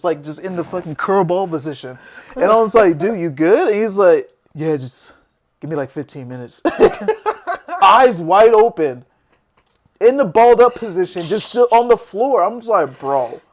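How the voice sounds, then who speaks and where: A man with a fairly high voice tells a long, rambling story in casual chat. He laughs often and swears freely as he goes. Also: animated, normal speed. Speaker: podcast host.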